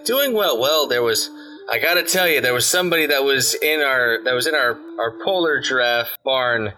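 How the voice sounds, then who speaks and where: A man voicing a big, burly village father who talks in a booming, protective way. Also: animated, moderate pace, sharp tone, faint music behind. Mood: friendly.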